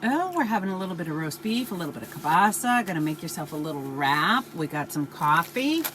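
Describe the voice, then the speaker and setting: A woman's voice: fairly low pitch, sing-song, brisk, a bit bright, slight background noise. A woman hosting a camping vlog, joking in a mock-grand, teasing way outdoors on a handheld camera. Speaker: vlog host. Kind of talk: playful camping vlog chat. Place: outdoor campsite.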